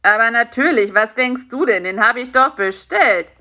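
A woman voicing a greedy, grumbling male spider in a children's audiobook, talking in a low, sulky tone. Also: expressive, normal speed, bright, forceful tone. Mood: matter-of-fact.

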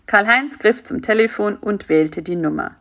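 Woman reading a children's story, gravelly. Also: medium pitch, normal speed, a bit bright.

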